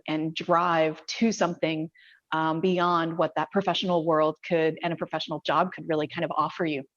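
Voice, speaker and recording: A woman's voice: on the low side, muffled recording. A woman hosting an interview, asking friendly, encouraging questions. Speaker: interviewer, host.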